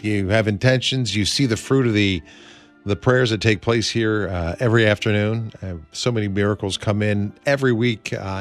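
A man hosting a radio show in a studio, talking in a smooth, earnest, conversational way with many fillers as he leads prayer. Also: lowish voice. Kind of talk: smooth radio host talk, leading prayer.

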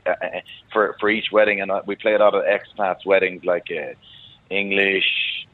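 A man's voice: sits low, level tone, moderate pace, dry recording. Irish man on a thin phone-like line. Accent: western Irish. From Galway, Ireland. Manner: rambling, repeats phrases. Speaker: wedding singer and musician guest. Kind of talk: casual interview chat. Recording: narrow phone-like radio line, dry.

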